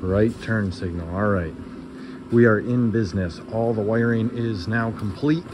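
A vlogger restoring an old truck talks through his repair in a big garage workshop, thinking aloud on a handheld or body camera. His voice sits on the low side and moves at a measured pace, with noise in the background. He sounds relaxed and casual as he works.

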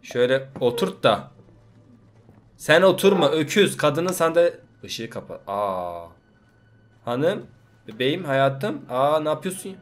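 Joking Turkish gaming YouTuber. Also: male voice, a little high, sing-song, measured pace. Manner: crude joking, dubs game lines in Turkish. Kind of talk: let's play reaction commentary.

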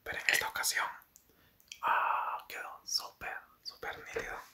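A young man doing whispered ASMR eating commentary in halting, short phrases, close to the microphone in a small bedroom. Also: bright, forceful tone. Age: young adult. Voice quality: breathy, unvoiced whisper. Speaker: ASMR mukbang creator. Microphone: desk microphone close to the mouth.

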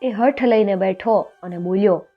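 A woman telling a traditional folk tale in an expressive storytelling voice, lifting her voice for the characters. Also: medium pitch, unhurried. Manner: expressive, raises voice for quoted characters. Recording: dull lo-fi sound with faint music.

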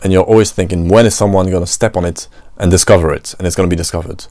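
In a reflective solo podcast, an adult Frenchman who works at a restaurant thinks aloud, frequently adding "you know" and "right." He talks fast in a French accent, his voice low-pitched, steady and dark, recorded at studio quality without echo.

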